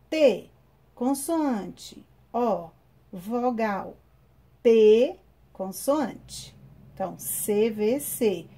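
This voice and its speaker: A woman teacher with a Brazilian Portuguese accent giving a recorded online class, spelling out grammar rules slowly and step by step. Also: on the high side, dark tone. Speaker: English teacher.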